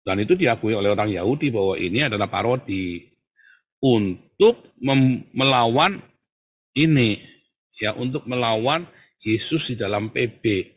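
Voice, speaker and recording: A middle-aged pastor teaching in a relaxed sermon voice. He keeps checking in with his listeners as he explains. His pitch sits in the ordinary middle range for a man. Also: measured pace, long pauses, breathy edge. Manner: conversational, frequent "ya" tag questions. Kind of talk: sermon-style Bible teaching.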